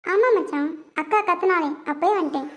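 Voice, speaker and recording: A woman doing a cheeky high-voiced young girl. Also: a little fast, a bit bright. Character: bold spirited young girl. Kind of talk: cartoon web series voice acting. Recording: dull lo-fi recording.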